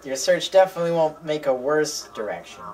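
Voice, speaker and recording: A man's voice: on the high side, animated, brisk, slight background noise. A man co-hosting a podcast, giving casual, joking film commentary in a riffing manner. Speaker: podcast co-host. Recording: distant mic, loud film soundtrack behind. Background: film music and sound.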